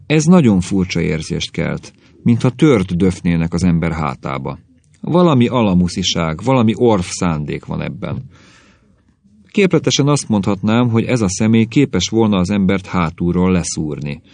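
A bitter, scornful husband, put on by a male audiobook reader, lectures and sneers in a very low, gravelly voice. Each remark drips with contempt. The recording is close and dry. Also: a little mellow, dry recording, exaggerated voice. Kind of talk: audiobook reading.

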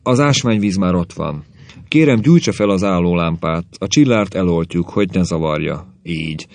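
A man's voice: low voice, no room sound. Man reading as a fussy séance host.

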